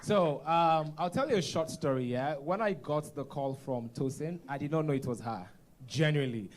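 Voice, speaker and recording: Brief: male conference host, somewhat high voice, animated storyteller. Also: normal speed. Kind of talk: lively stage hosting with a funny story. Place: conference stage before an audience.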